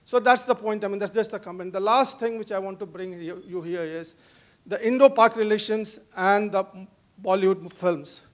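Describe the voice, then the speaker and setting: A man giving an unscripted academic talk on a panel in a halting way, repeating filler phrases. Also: high-pitched. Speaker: panel speaker.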